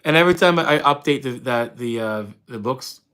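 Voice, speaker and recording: A relaxed man in his thirties from Canada, chatting live with his viewers. He talks loosely and warmly, full of "um"s and restarts as he reads questions aloud, and his voice sits at an ordinary middle pitch. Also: fairly quick, clear, resonant tone. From Windsor, Ontario, Canada. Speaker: fitness streamer answering chat. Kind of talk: casual live-stream chat.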